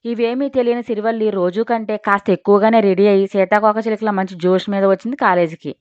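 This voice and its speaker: A woman narrating an audio story in a dramatic, expressive way. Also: medium pitch, fast talker, clear, resonant tone, no echo. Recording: dry, slightly dull recording.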